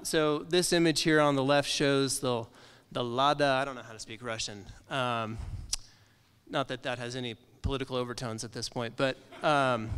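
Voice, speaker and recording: A man's voice: medium pitch, fairly bright tone, smooth, big-room sound. A man in his thirties giving a conference presentation from slides in a library meeting room, talking casually with frequent ums and uhs. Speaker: conference speaker.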